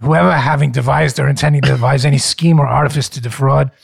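A man's voice: medium pitch, steady tone, fast talker, creaky, husky, dry recording, studio quality. A man putting on a Brooklyn accent to play his old uncle, reciting a legal statute in a heavy, mock-formal way.

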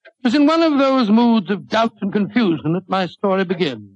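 An actor playing an older, avuncular British doctor who reminisces in a wordy, genial 1940s radio drama style. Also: male voice, sits high, animated, normal speed, dry recording. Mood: genial reminiscing. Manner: avuncular, wordy, chuckling storyteller. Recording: dull old-time radio recording.

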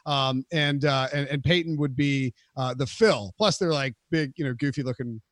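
A man's voice: medium pitch, normal speed, fairly bright tone, no echo, clean studio sound. A man guesting on a sports podcast, talking in a rambling, filler-heavy way and laughing often. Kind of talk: casual chat.

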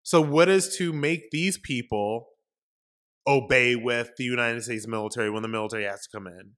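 A man's voice: mid-range voice, moderate pace, a bit bright. A man hosting a political commentary podcast, talking emphatically in a ranting monologue full of repetition and rhetorical questions. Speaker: podcast host.

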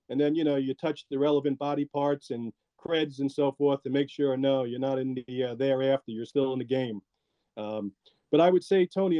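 Measured New man, dry and dull. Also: medium pitch, no room sound. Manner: measured, with frequent ums and asides. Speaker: guest, retired law enforcement officer. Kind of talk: reflective interview storytelling.

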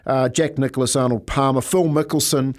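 A man's voice: mid-range voice, fairly even intonation, normal speed. A man chatting casually as a panellist on a sports radio show.

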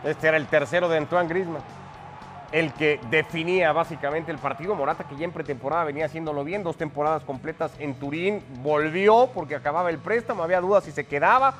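A man's voice: fairly high pitch, quick pace, fairly bright tone, faint music behind. A man hosting a football discussion show, speaking in an emphatic, conversational way. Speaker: sports show host.

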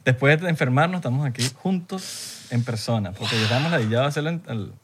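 A man's voice: mid-range voice, quick pace, background noise. A young man co-hosting a podcast, teasing and rambling in casual chat. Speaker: podcast co-host.

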